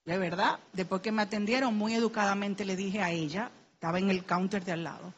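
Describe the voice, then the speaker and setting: A brisk middle-aged Dominican speaker, a woman with a Dominican Spanish accent, recounts personal experience on a panel. Her medium-pitched voice keeps fairly even intonation while her earnest, heartfelt words grow into urgent exhortation to act. A little hiss or hum sits under the audio.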